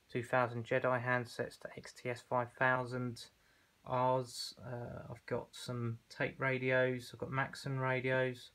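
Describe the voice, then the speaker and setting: This man, selling online, walks through a product demo in a relaxed, conversational way with a touch of hesitation. His voice is medium-pitched and a bit bright.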